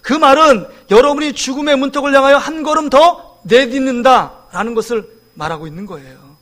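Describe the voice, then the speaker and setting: A man in his forties preaching a sermon in a church, lively and joking, often asking the congregation questions. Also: very high-pitched, fairly quick. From South Korea. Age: 40s. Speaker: pastor. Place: church sanctuary.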